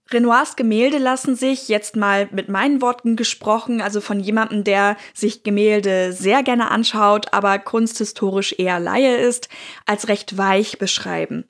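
A woman co-hosting a true-crime podcast, reading a script and adding personal asides to the listeners. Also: fairly high pitch. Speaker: podcast co-host.

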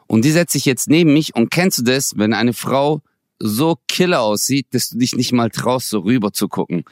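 A man in his forties from Germany, co-hosting a podcast and telling a story in a lively, slangy way, acting out the dialogue. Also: mid-range voice, normal speed, no echo, studio quality. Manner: animated, slangy, acts out quoted dialogue. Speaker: podcast co-host. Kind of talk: casual storytelling chat.

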